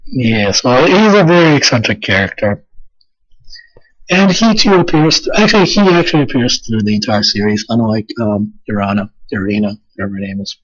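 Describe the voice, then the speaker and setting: Goofy, slightly hoarse gaming commentator. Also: male voice, lowish voice, animated, fairly quick, a bit bright, dry recording, highs cut off. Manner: goofy, joking, stammering restarts. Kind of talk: casual let's play commentary.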